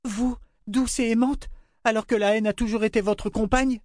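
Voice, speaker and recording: A man reading an audiobook, voicing a frightened but brave young girl with a soft, careful manner. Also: high voice, fairly even intonation, moderate pace, no room sound, clean studio sound, voice pushed up, lightly acted. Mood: cold, firm. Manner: timid, then coldly firm.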